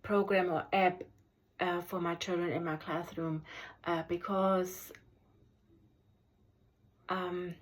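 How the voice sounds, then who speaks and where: A special education teacher whose first language is German, and who speaks with a German accent, gives an unscripted app review. She is halting, with many ums and restarts, and her voice is lowish with a level tone.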